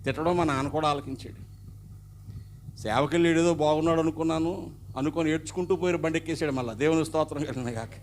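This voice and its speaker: A middle-aged man, preaching a sermon as a pastor and telling his own story. He swings from loud passages to hushed ones. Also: a little high, fast, a little hiss or hum. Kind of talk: sermon with personal testimony.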